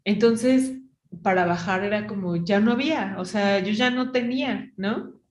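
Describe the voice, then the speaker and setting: A woman with a Mexican accent hosts a podcast, chatting casually and peppering her story with "o sea" and "¿no?". Her voice is medium in pitch and darkish, with a measured pace and a roomy sound.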